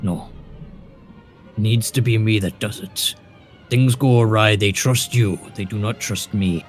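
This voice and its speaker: A man's voice: fairly low pitch, fairly even intonation, a little slow, soft background music, close to an everyday voice. A man voicing a two-headed male ogre whose heads bicker and call each other brother. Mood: tense.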